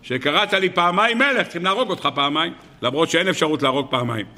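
A stern sardonic emperor, as a teacher quotes him. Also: male voice, a little high, sharp tone, big-room sound.

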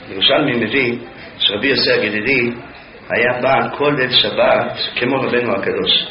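A male religious teacher tells old stories to his listeners. He is an animated storyteller who slips in dry humorous asides. The sound is roomy and a little muffled. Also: medium pitch. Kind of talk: storytelling lesson. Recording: roomy, somewhat dull recording.

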